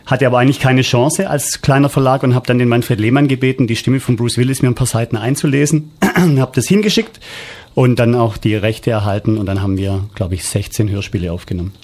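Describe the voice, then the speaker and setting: A man's voice: mid-range voice, fairly quick, a little mellow. A man who produces audiobooks, talking casually as a guest with many hesitations. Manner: anecdotal, hesitant with many fillers. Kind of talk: casual interview talk.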